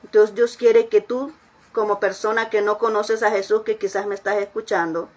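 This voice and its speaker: A woman's voice: mid-range voice, steady tone, normal speed, slightly rough. A woman pastor preaching a sermon in an earnest way, often repeating phrases and asking her listeners questions.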